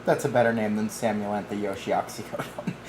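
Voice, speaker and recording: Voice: medium pitch, fairly even intonation, fast, roomy sound. A blunt, sweary tabletop game player in casual, teasing chat. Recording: loud noise and clicks.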